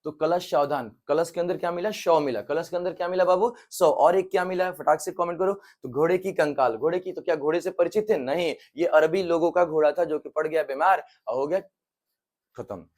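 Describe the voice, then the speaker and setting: A man's voice: a little high, brisk, darkish tone. A male teacher giving an exam-prep history lecture. He talks in a colloquial, jokey way and keeps firing repeated questions back at his students. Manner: quizzes students with repeated call-and-response questions.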